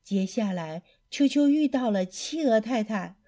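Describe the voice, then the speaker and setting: A woman reading children's picture books aloud in a slow, expressive storybook manner. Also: fairly high pitch.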